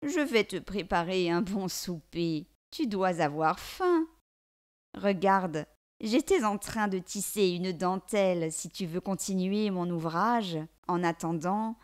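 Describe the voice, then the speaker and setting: A woman doing a slow, menacing old witch. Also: lowish voice, animated, clean tone. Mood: falsely kind. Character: old female witch who eats children.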